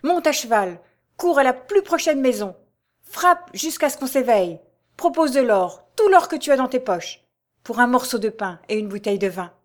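A woman's voice: medium pitch, moderate pace, natural voice. This is a passionate young nobleman in an audiobook, voiced by a woman reader. He pleads and exclaims in a raised, pushed voice, urgent and desperate. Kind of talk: audiobook character voice.

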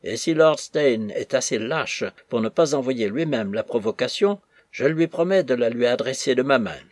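A man's voice: medium pitch, animated, moderate pace, no room sound, clean studio sound, lightly acted. A man doing a seething, furious colonel. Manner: seething, teeth-gritting. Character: furious, contemptuous male colonel.

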